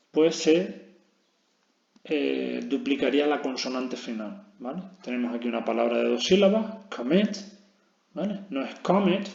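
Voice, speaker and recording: A man's voice: medium pitch, creaky, darkish tone. A man teaching a recorded lesson, explaining step by step and checking in with his students after each point. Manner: explains step by step, constant "¿vale?" check-ins. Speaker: English teacher. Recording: dull, roomy lo-fi recording.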